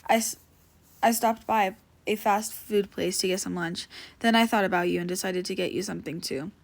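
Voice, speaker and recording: A woman's voice: mid-range voice, normal speed, vocal fry, close to an everyday voice. Woman voicing a friendly teen boy, easygoing, polite, storybook reading.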